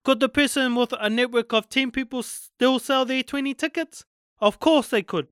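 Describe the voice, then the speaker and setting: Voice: sits high, normal speed, fairly bright tone, clear, resonant tone, no room sound, clean studio sound. A podcast host and narrator with a Māori New Zealand accent, speaking in a plain, informal way. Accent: Māori New Zealand English. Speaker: podcast host and audiobook reader. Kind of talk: podcast intro and scripted narration.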